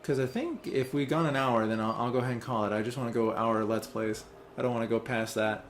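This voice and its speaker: A man's voice: medium pitch, fairly even intonation, quick pace, a little hiss or hum. Rambling young man hosting a let's play. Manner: rambling, distracted, many fillers. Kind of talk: casual chat while playing a game.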